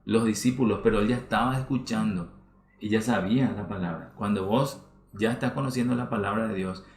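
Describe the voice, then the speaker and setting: A man's voice: fairly low pitch, brisk. A man preaching a sermon as pastor, stressing his points by repeating phrases. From Paraguay. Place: church hall. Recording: roomy church livestream.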